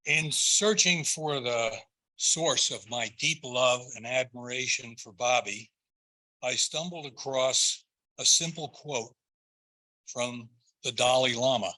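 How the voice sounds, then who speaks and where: Bright-voiced older man giving a tender eulogy. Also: mid-range voice, slow pace, rough recording. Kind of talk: prepared eulogy speech.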